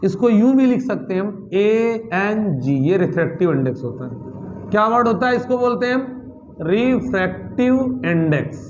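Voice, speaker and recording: A man lectures on physics in a very high voice. He keeps asking his students questions, answers them himself, and repeats each key term. His delivery is classroom teaching rather than casual chat. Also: sing-song, fast, a little mellow, highs cut off, a little hiss or hum. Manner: mixes English terms into Hindi, repeats key words.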